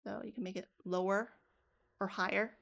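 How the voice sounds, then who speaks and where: A woman's voice: medium pitch, fairly even intonation, moderate pace, gravelly, a bit bright. Woman thinking aloud in a coding demo. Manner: casual, thinking aloud with restarts. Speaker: teacher trainer. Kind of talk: live coding workshop demo.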